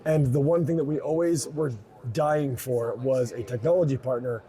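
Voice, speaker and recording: A man being interviewed at a convention, talking in a rambling, excited way, correcting himself and laughing often. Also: medium pitch, moderate pace. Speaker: event organizer interviewee.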